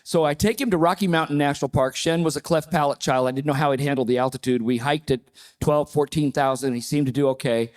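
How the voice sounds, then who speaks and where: A man in his sixties, a panelist telling a personal story with lively, acted-out quotes. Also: on the high side, quick pace. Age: 60s. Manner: animated storyteller, acts out quoted voices.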